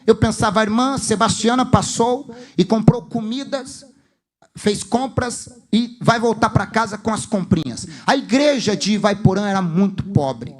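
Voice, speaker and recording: A man's voice: sits high, normal speed. A man with a Brazilian accent preaching a sermon as a pastor, telling an emphatic story full of acted dialogue.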